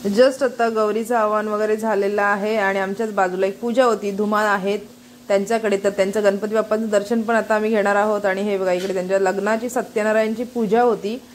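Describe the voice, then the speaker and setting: A woman walks viewers through a neighbour's festival visit, talking in an even, barely moving voice. It sounds like a phone recording. A faint hiss and the surrounding ambience sit under her words. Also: mid-range voice, a little fast. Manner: flat, running commentary to viewers. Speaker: vlogger. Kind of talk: casual vlog narration. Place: neighbour's home during a festival visit, rain outside.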